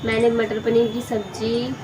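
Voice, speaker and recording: A woman's voice: a little high, flat delivery, moderate pace. A young woman chatting casually and teasing her friend, recorded from a distance with background noise. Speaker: friend, prank target. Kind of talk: casual chat. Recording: distant mic, noisy background.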